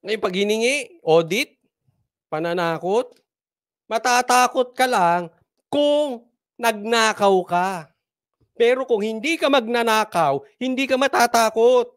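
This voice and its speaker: A man from the Philippines delivers casual political commentary in a teasing, sarcastic tone and laughs often. His voice sits high for a man. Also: lively intonation, unhurried, fairly bright tone, clear, resonant tone.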